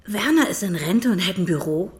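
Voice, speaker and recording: A woman with a Low German accent acting in a radio play, asking brisk, matter-of-fact questions. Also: expressive.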